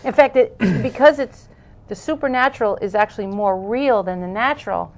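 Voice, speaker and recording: A woman's voice: medium pitch, moderate pace, a crowd in the background. A woman hosting an interview, affirming her guest and finishing his thoughts. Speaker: host.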